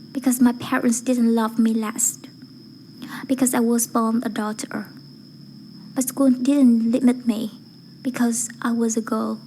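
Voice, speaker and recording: Reciting a formal speech, this woman, an amateur voice-acting student, has a breathy, fairly high voice with a soft, mellow tone. Her pacing is deliberate and measured, with almost no melodic variation. It's a rough recording with faint noise behind her.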